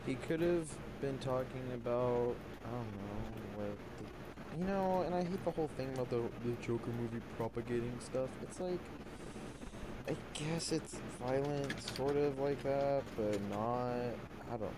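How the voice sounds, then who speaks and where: A man's voice: mid-range voice, moderate pace, background noise. A young man co-hosting a podcast, rambling and hesitant, often trailing off mid-thought. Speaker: podcast co-host. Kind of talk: casual chat.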